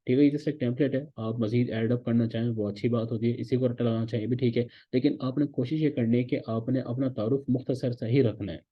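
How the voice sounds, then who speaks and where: Fast-talking man teaching. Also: mid-range voice, steady tone, muffled recording. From Pakistan. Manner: repeats "theek hai" as a check-in, explains step by step. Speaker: course instructor. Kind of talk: recorded online lecture.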